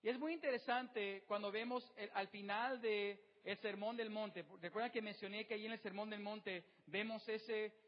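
High-voiced man preaching, reverberant and dull. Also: fairly even intonation, moderate pace, few pauses. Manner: warm pastoral preaching with questions to the congregation. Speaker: pastor. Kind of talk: sermon. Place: outdoor service with birds nearby. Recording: dull sound with long reverb.

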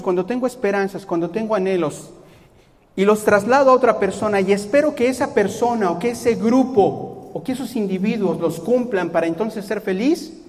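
A man preaching a sermon in an animated way, acting out the voices of the people he quotes. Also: high voice, in a large hall.

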